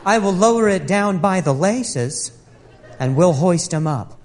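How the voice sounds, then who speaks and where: A man voicing his excitable young wife, pleading eagerly in a stand-up comedy bit. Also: high voice, measured pace, in a large hall.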